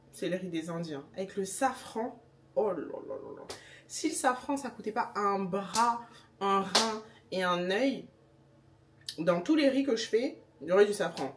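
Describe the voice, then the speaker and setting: A young woman talks straight into a handheld pocket camera at home, in a relaxed vlog chat. She is chatty and animated, with a wry streak when she talks about her tastes. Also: mid-range voice, far from the mic. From Senegalese background. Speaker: vlogger.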